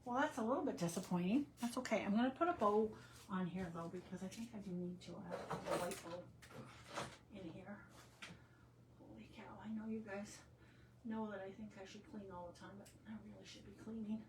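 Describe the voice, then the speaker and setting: Middle-aged woman, chatty self-mocking craft host, home room with steady background noise. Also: mid-range voice, fairly quick. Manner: chatty, self-deprecating, thinks aloud. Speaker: card-making tutorial host. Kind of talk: casual live crafting demo.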